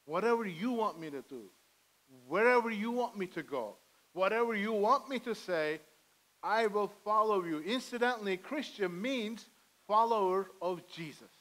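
A man's voice: sits high, expressive, normal speed, fairly bright tone, low-quality recording. A middle-aged man preaching a sermon from a church pulpit, earnest and pleading, on a headset mic. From Armenian heritage. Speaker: pastor. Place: church sanctuary, indoors, medium size.

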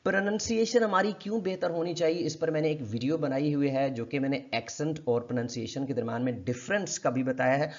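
A man from Pakistan, with a Pakistani accent, teaching English pronunciation in an online lesson. He talks politely and formally, explains patiently and repeats each word slowly several times. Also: fairly high pitch, lo-fi sound.

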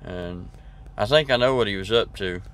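A man in his forties with a drawl, rambling on in a relaxed, easygoing way and restarting his sentences a lot. His voice sits fairly low. He's talking to a camera held close in the cab of a parked truck. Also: normal speed, a little hiss or hum. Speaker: trucker vlogger. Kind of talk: casual vlog chat to camera. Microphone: camera at arm's length.

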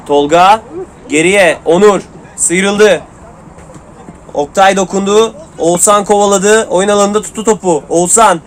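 A man with a high voice commentates a local football match live, snapping out player names and quick calls. A faint crowd murmurs behind him at an outdoor pitch. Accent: Turkish.

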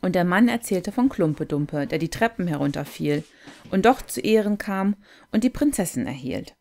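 Calm woman reading a fairy tale. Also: fairly low pitch, creaky. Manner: gentle, unhurried, contemplative.

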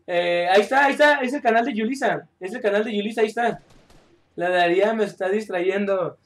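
A young man streaming a game live, chatty and joking as he reads out viewer chat and shouts calls mid-match. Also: high-pitched, brisk. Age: young adult.

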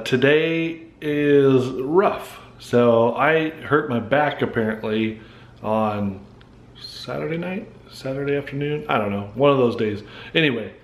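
Casual American man vlogging. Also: mid-range voice. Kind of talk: casual vlog narration.

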